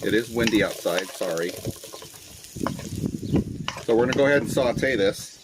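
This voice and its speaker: Here a man in his forties, born in the Philippines, vlogs his cooking from a windy front patio as host of a cooking channel. Low-leaning and laid-back, he talks casually with plenty of "uh" fillers and mixed-in Tagalog phrases. Captured via phone and Bluetooth earbuds, the outdoor sound is noisy with wind, plus sizzling and stirring from a wok.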